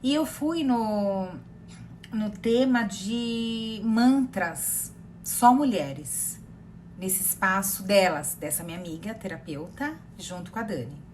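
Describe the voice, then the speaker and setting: A woman in her thirties with a Brazilian accent, a therapist telling a personal story in a rambling, animated way with many fillers and repeated words. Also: medium pitch, slow pace, a little hiss or hum. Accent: Brazilian Portuguese. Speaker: therapist sharing personal experience.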